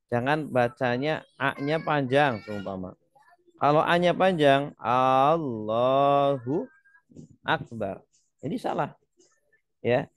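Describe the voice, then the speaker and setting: A man's voice: medium pitch, no room sound. A man teaching Quran reading in a webinar. He tags his points with "ya" and stretches out the Arabic words he recites as examples.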